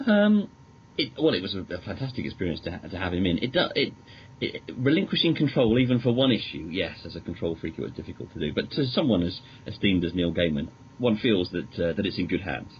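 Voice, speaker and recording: A deep-voiced British man, a magazine editor appearing as a podcast guest, talks casually in a quick, sing-song way. He's hesitant and rambling but clearly enthusiastic. The lo-fi recording sounds dull, with audible noise.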